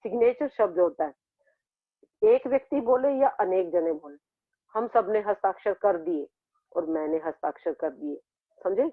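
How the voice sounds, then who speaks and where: A woman's voice: on the low side, expressive, normal speed, pauses often, dry recording. A woman teaching a school grammar lesson, patiently repeating word pairs for her pupils. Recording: tinny phone-like recording.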